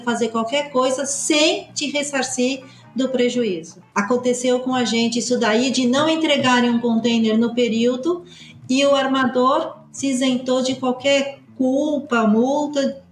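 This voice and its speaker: A woman, a partner at a customs consultancy, explaining points quickly and emphatically on a podcast. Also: a little high, echoey room. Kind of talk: podcast discussion.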